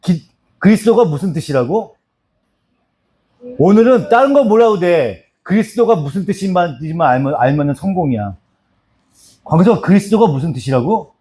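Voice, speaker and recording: Lively-pitched pastor quizzing his flock. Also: moderate pace, long pauses. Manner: repetitive, drills answers and calls on people by name. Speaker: pastor teaching doctrine. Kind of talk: church Bible lesson, quizzing listeners. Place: small church.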